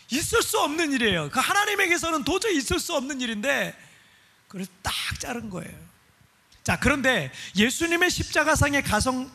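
A male pastor preaching a sermon in an animated way. He asks the congregation rhetorical questions and explains pictures shown on a screen. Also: very high voice, creaky, husky.

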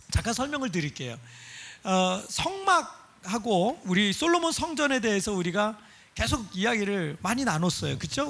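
A man with a very high, husky voice delivers a sermon to his congregation. His pitch rises and falls a lot as he throws rhetorical questions at them. He walks them through pictures on a screen as he explains. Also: a bit bright. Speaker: pastor.

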